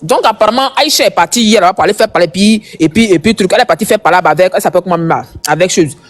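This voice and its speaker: A woman's voice: medium pitch, rapid-fire. A woman doing casual live commentary as a gossip streamer, chatty and repetitive, talking straight to her viewers.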